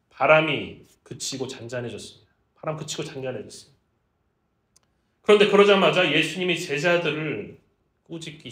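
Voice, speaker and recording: A man preaching a lively sermon as a pastor, asking the congregation questions and acting out Jesus and the disciples in casual speech. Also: a little high, roomy sound. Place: church.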